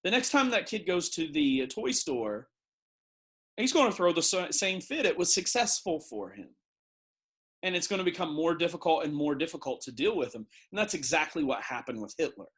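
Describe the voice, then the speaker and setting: A middle-aged man from the United States gives a recorded history lesson with a slightly raised pitch. He talks in a relaxed, conversational way and uses everyday analogies to explain things. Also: normal speed. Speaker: teacher.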